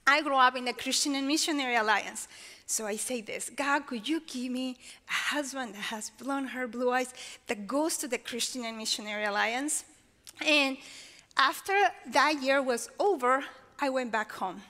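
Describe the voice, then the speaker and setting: A woman in her forties from Peru, speaking English with a Peruvian Spanish accent, giving an expressive personal testimony on an auditorium stage. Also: sits high, moderate pace. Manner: expressive, gestures while speaking. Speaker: chapel speaker. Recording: long reverb of a large hall.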